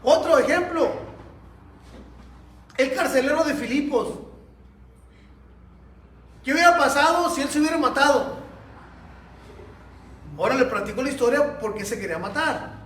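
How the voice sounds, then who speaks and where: A man's voice: very high-pitched, moderate pace, long pauses, a bit bright. A man preaching a Sunday school sermon in a church, telling stories with animation and speaking straight to the congregation. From Mexico. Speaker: pastor. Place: church hall. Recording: echoey church room, mic at a distance.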